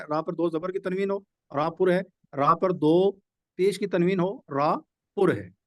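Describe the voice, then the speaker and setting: A man's voice: sits high, no room sound. A man teaching a tajweed lesson in a live online class, patiently repeating rules and examples. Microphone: video call.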